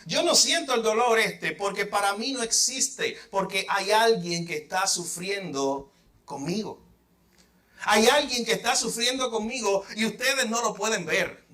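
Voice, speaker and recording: A pastor voicing a defiant martyr deacon. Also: male voice, high voice, a little slow, bright, forceful tone. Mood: fervent. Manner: fervent, defiant.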